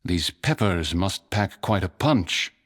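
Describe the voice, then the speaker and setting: A man voicing a courteous, wry masked spymaster with a calm, polite, dryly amused manner. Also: low voice, slow, exaggerated voice.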